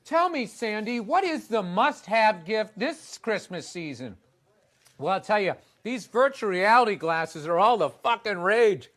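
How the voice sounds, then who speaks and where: A chirpy, overly bright TV newsman, as a man mocks him draws out each word slowly. The pitch sits high and lively, and the voice has a bright, forceful ring. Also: full character voice. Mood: fake cheerful. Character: mock chirpy male TV news anchor.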